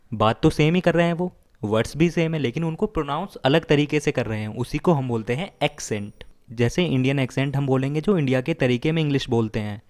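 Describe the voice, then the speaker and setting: A male teacher walking learners through word roots, mixing two languages. He restates every meaning several times and checks in with a quick "right?". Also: mid-range voice, a little mellow. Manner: explains slowly, repeats meanings, asks "right?". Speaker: vocabulary teacher. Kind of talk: bilingual vocabulary lesson.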